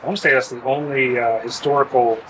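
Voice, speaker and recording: A man who grew up with pottery, explaining in a relaxed, easygoing way and laughing easily. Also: medium pitch, fast talker, background noise. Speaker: potter and kiln site host. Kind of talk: casual interview. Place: outdoors at a kiln festival. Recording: outdoor festival with crowd behind.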